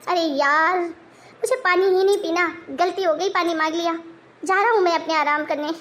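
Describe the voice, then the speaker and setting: A woman's voice: very high voice, fairly even intonation, moderate pace, a bit bright. A woman voicing an exasperated young husband who pleads and sighs in a family story. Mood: pleading. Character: exasperated young husband, patient but fed up.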